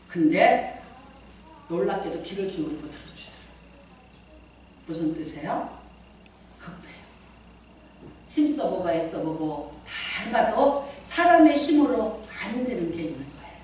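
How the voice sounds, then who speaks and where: Animated woman pastor preaching in echoey church. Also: fairly low pitch, a little hiss or hum. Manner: animated, preaching with questions to the congregation. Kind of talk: sermon. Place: church sanctuary. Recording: very echoey church hall, mic at a distance.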